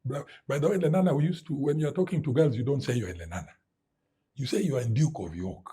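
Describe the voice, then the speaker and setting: A middle-aged Kenyan guest talks at a quick pace in a mid-range, slightly rough voice. Telling a story in an interview, he brings it to life with sound effects and drops in Swahili words along the way.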